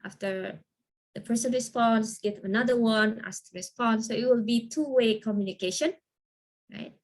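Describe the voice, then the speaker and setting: A woman with a slightly high voice runs an online training session over a video call. She answers questions in a lively, encouraging way and often checks that listeners agree. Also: moderate pace.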